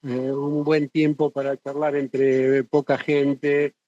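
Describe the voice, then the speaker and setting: A man's voice: mid-range voice, monotone, takes it slowly, dark tone, no echo, highs cut off. A middle-aged man, an institute director giving casual closing remarks at a symposium, hesitant with many fillers and restarts.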